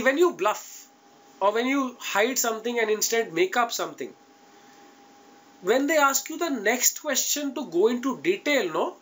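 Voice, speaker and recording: A man's voice: sits high, fairly bright tone. A man with an Indian accent giving informal, direct advice to students as an interview coach, emphatic and often checking in with his listeners. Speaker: interview coach teaching an online class.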